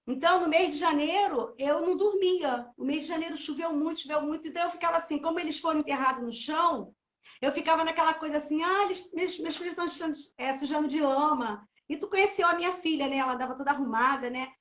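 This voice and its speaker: High-voiced talkative woman, echoey. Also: fast talker, fairly bright tone. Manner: talkative, emotional storytelling with many "né". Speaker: host of a live church chat series. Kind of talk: casual testimony chat.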